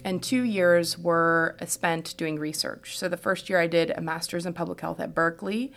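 Speaking at a moderate pace with a steady, fairly low and slightly bright voice, this middle-aged American woman from Houston recounts her personal story. She's a trauma surgeon appearing as a podcast guest, and her interview narrative is reflective, explanatory and conversational.

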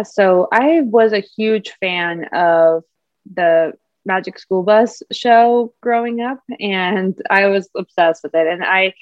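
A Peruvian career and executive leadership coach answers interview questions earnestly and reflectively. Her voice is lowish, and the recording is dull, lo-fi and dry with no echo.

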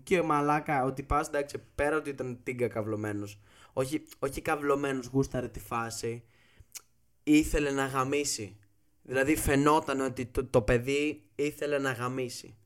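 A man recounting a funny trip story in a loose, casual way. He swears freely and acts out the dialogue with lively bursts. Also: mid-range voice. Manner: profane, animated, acts out dialogue. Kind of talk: casual comic anecdote.

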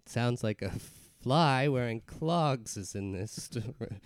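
A man playing an odd, easygoing hamburger peddler with drawn-out deadpan delivery in improvised comedy. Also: mid-range voice, no echo, clean studio sound. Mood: wary, deadpan.

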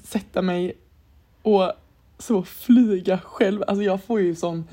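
Animated young Swedish woman, mellow voice. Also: medium pitch. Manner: animated storytelling, acts out quoted lines, swears casually. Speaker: podcast co-host. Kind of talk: casual chat.

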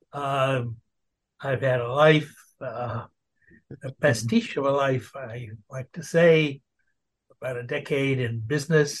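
A man in his eighties giving a measured, reflective introduction on a video call. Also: mid-range voice, husky. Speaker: panel guest.

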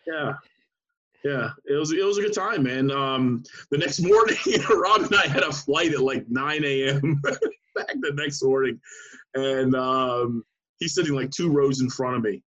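A man who works as a sports writer, telling an animated anecdote in casual chat with many restarts. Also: medium pitch, measured pace, lo-fi sound.

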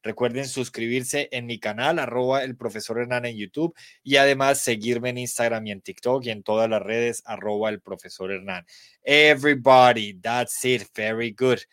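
A man's voice: medium pitch, normal speed, fairly bright tone, dry recording. A Colombian man teaching a live online English class, spelling letters aloud and praising students by name. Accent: Colombian Spanish.

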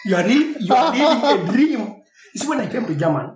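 A man's voice: extremely high pitch, big pitch swings, quick pace, darkish tone. Playful male interviewer in an echoey room. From Uganda. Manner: playful, teasing, laughs often. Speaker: podcast host, interviewer. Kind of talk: casual interview chat.

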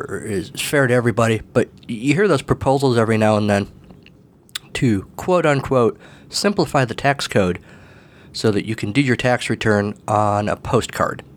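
A man with a cold, husky in voice, hosting a solo podcast from his table at home in a rambling, wry way. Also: medium pitch. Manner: rambling, wry, self-deprecating. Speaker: podcast host. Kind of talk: casual solo podcast monologue.

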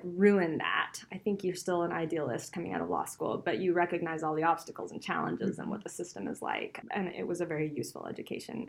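Laughing frequently, a middle-aged woman who grew up in both Venezuela and the US, now a law professor, responds to interview questions in a talkative, thoughtful way. Her voice is fairly low with vocal fry.

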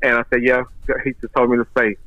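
A man in his thirties speaks with a bright, forward tone. He talks as an earnest, devout guest who cites scripture. His audio is dull and dry, coming over a remote call. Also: medium pitch, completely flat delivery, fast talker, dry recording. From Texas. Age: 30s. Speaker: guest, rancher and maintenance manager. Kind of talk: casual interview storytelling.

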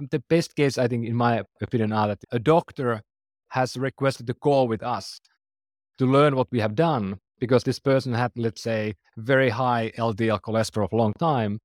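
A man's voice: mid-range voice, no echo, studio quality. A man in his forties with a Finnish accent, a startup founder talking earnestly in a conversational interview, phrasing loosely with restarts. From Finland. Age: 40s.

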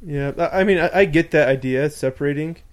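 A man's voice: a little high, a little fast. A man in casual podcast chat who stammers and repeats words while voicing criticism.

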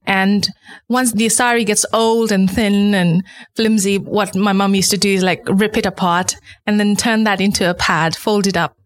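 A woman's voice: mid-range voice, steady tone, normal speed, few pauses. Earnest woman from Nepal being interviewed. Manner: earnest, explanatory, frequent "like" fillers. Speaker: guest, founder of a menstrual product. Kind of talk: conversational interview.

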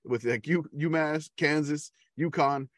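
Brief: enthusiastic male podcast co-host, higher voice, dry recording. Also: unhurried, no room sound. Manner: enthusiastic, laughs often, rambling restarts. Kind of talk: casual sports chat.

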